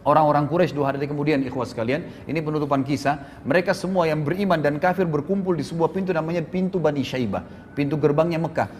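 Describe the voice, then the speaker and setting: Fast-talking male preacher in a reverberant mosque. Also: a little hiss or hum. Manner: animated, acts out quoted speech with shifting pitch. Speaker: Islamic preacher. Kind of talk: sermon storytelling. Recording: distant reverberant hall recording, faint ambience.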